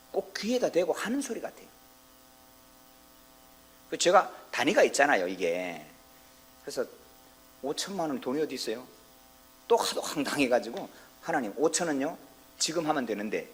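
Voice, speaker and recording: A man's voice: medium pitch, fairly bright tone, slightly rough. A male pastor giving a sermon in a chatty, storytelling way, often turning to the congregation with a touch of humor.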